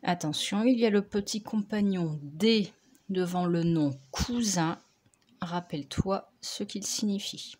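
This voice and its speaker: A woman teacher, slowly dictating and correcting spelling words for young pupils, articulating each word carefully. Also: medium pitch, darkish tone. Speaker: primary school teacher.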